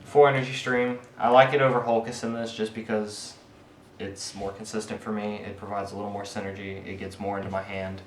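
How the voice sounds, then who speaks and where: A man with a fairly low voice talks through his card game deck in a casual, halting way, pausing on fillers as he explains each choice. The room around him is echoey, with a faint hiss underneath. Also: little pitch movement. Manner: halting, many fillers and restarts while explaining. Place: indoor room with friends nearby.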